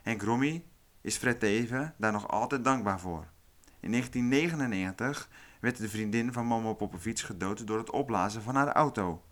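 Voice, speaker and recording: A man hosting a podcast, reading a scripted true-crime narration in a calm, measured way. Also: lowish voice. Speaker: podcast host.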